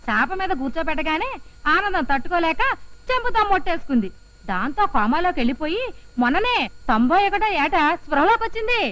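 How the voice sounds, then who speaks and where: Woman relative, rapid chatter, very high lively voice, film comedy. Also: exaggerated voice. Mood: chatty.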